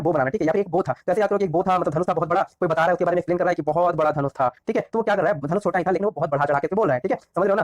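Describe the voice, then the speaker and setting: High-voiced, fast-talking male teacher. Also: no echo. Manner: repetitive, rhetorical questions and answers. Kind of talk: explaining English idioms in Hindi.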